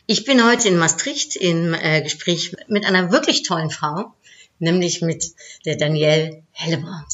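A woman's voice: low voice, moderate pace, fairly bright tone, muffled recording. Enthusiastic woman podcast host. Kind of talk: podcast interview.

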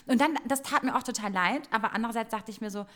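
A woman's voice: on the high side, quick pace. A woman co-hosting a podcast in casual chat, telling self-mocking stories with lots of laughter. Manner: lively, self-mocking storytelling with frequent laughter. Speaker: podcast co-host.

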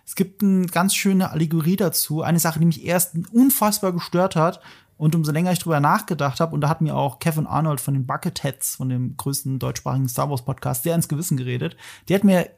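A man hosting a podcast and chatting casually, animated and opinionated, with emphatic asides. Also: a little high, brisk, vocal fry. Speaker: podcast host. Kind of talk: casual discussion.

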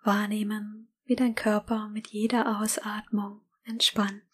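Slow breathy whispering woman guiding meditation. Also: medium pitch. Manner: soft whisper, slow and calm. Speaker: meditation guide.

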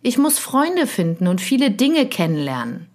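A woman voicing a curious little boy prince in a storybook reading, speaking in a soft, questioning way. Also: mid-range voice, sing-song, moderate pace, pitched above the performer's own voice. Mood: wondering.

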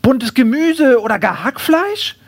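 A man's voice: extremely high pitch, big pitch swings, a little slow, voice pushed up, full character voice. A man reading aloud and voicing a polite but pushy freeloading male kangaroo neighbor. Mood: politely demanding. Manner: mock-polite, matter-of-fact requests.

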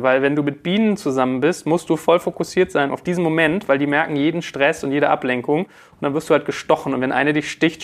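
A man hosting a casual podcast, reading listener questions and spinning jokey anecdotes. He talks fast. His voice sits a little high for a man. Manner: brisk, jokey storyteller.

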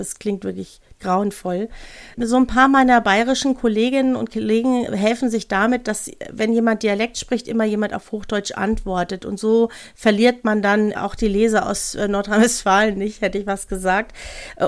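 A woman from North Rhine-Westphalia, a podcast co-host and author, chatting enthusiastically about writing, with quick bursts of speech. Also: mid-range voice, vocal fry. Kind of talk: casual chat about writing.

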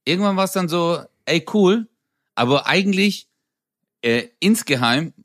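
A young man co-hosting a comedy podcast, telling stories in a lively, casual way and acting out the voices of people in them. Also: sits high, unhurried. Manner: animated, acts out voices in anecdotes, laughs often. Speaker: podcast co-host. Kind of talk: casual comedic chat, storytelling.

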